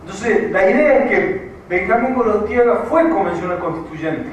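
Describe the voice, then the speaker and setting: A man's voice: high-pitched, normal speed, slight background noise. A man with an Argentine Spanish accent teaching a writing class. He explains step by step, repeats his points and keeps checking that students follow. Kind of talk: classroom lecture. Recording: far-off echoey classroom recording.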